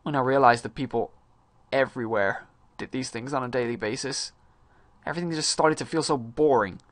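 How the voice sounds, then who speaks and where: A man's voice: medium pitch, brisk, no room sound, close to an everyday voice. Man acting a theatrical, disillusioned young student, dry sound. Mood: disillusioned, brooding. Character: disillusioned young high-school man, earnest and restless. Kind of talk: dramatic monologue reading.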